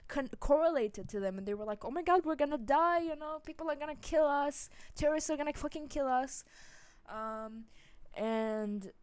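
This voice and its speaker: A young woman rambles through a storytime vlog, swearing freely and restarting her sentences. Her pitch and loudness jump around dramatically, and she sits in mid range. The sound is close and dry, with no room echo. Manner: rambling, swears a lot, many fillers and restarts. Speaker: vlogger. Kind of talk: casual storytime monologue.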